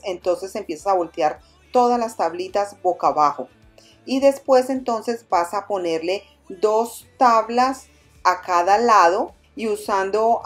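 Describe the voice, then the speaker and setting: A woman hosting a crafts channel, giving friendly step-by-step voice-over instructions and addressing viewers as friends. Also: medium pitch. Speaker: DIY channel host. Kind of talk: voice-over tutorial narration.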